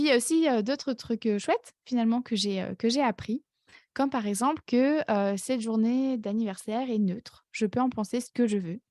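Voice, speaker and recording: A woman's voice: on the high side, mellow, dry recording. Chatty woman coach, dry close sound. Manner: chatty, many fillers and self-corrections. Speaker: life coach and podcast host. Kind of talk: casual personal podcast monologue.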